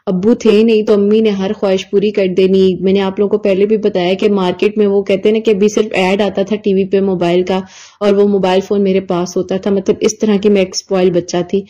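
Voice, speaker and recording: A woman's voice: mid-range voice, little pitch movement, dark tone. A woman video creator chatting through a personal story, fondly calling her listeners her dears. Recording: slightly dull lo-fi recording.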